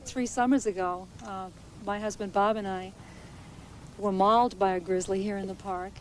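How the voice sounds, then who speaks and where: A woman ranger tells her story in a documentary interview, her voice sitting at an ordinary middle pitch. She speaks in a measured way, pausing and restarting now and then. It is a 1980s VHS recording with a faint hiss underneath. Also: steady tone, low-quality recording. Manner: measured, halting, with small restarts. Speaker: naturalist and park ranger. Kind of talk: interview recounting a bear attack.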